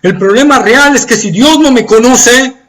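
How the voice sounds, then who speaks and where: High-voiced impassioned preacher. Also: male voice, moderate pace, low-quality recording. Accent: Latin American Spanish. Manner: impassioned, swinging from loud pleading cries to soft hushed tones; acts out pleading voices of the faithful. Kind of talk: sermon.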